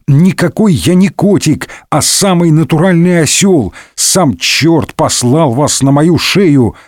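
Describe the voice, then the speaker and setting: A man's voice: fairly high pitch, takes it slowly, a little mellow, no room sound, clean studio sound, voice pushed up. Man voicing a whiny hot-headed young swordsman. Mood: indignant. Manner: wailing, indignant outbursts.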